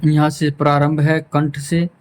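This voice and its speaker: A man's voice: a little high, completely flat delivery, measured pace, rough recording. A male teacher giving a pronunciation lesson, saying each sound aloud to demonstrate it.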